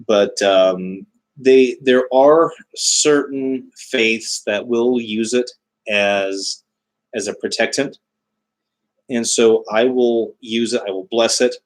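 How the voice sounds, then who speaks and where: A man chatting casually as a livestream host, halting often as he searches for his words. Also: mid-range voice, poor audio. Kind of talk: casual live chat explaining spiritual beliefs.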